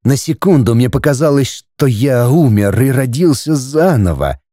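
A man's voice: medium pitch, animated, normal speed, mellow, dry recording, clean studio sound. Man reading an audiobook with drama. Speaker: audiobook narrator. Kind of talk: first-person audiobook narration.

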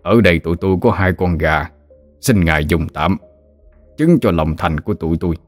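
A humble village man praying slowly and earnestly to an earth spirit, put on by a male storyteller. The voice is deep. Faint music plays under this ghost-story reading. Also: animated. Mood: pleading.

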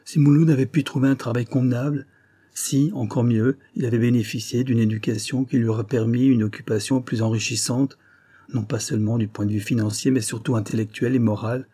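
A man's voice: mid-range voice, dark tone, slightly rough, natural voice. A man reading a thoughtful neighbor who argues earnestly about who is to blame. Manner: earnest, reasoning. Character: thoughtful male neighbor, bitter social critic.

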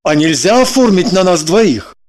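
Sardonic man with a high voice. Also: big pitch swings, normal speed. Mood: dry. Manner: dry, sardonic and matter-of-fact. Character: dry, sardonic man, Kirillov.

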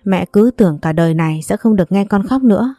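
A woman's voice: medium pitch, expressive, fast talker, warm tone, no echo, clean studio sound, soft background music, natural voice. A woman voicing a middle-aged mother who talks in a choked, sobbing voice. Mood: tearful.

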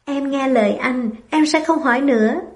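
A woman voicing a fragile young wife who speaks softly and hesitantly, like a child. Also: sits high, normal speed, echoey room, close to an everyday voice. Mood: anxious.

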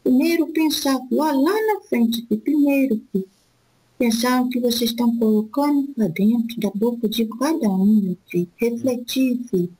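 Through a rough recording, a woman's husky voice on the high side channels an elderly spirit guide during a spiritist session. Her counsel is gentle and fatherly, slow, repetitive, and soothing, with "my son" addressed to the listener after almost every phrase.

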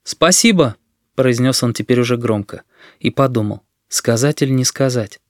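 Male audiobook narrator, steady and even, mid pitch, dry close sound. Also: moderate pace, dry recording. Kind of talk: scripted narration.

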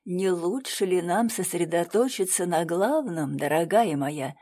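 A woman voicing a calm, deep-voiced adult male police officer who talks in an unhurried, gently teasing way.

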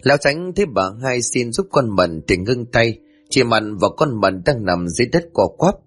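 Guy reading a story out loud, lively up and down voice, faint music behind. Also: mid-range voice, normal speed, husky. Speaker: narrator. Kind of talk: scripted narration.

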